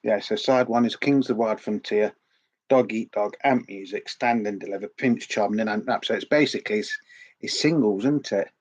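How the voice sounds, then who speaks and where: A middle-aged man with a sore throat hosts a record collecting vlog, chatting casually in a rambling way and repeating words often. His voice is fairly low and fairly quick.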